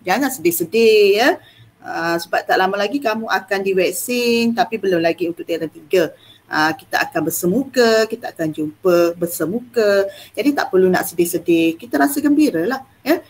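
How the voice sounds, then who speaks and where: A woman's voice: medium pitch, a little fast. A woman teacher with a Malaysian accent, coaxing her students through an online lesson in a chatty way with many "ah" fillers.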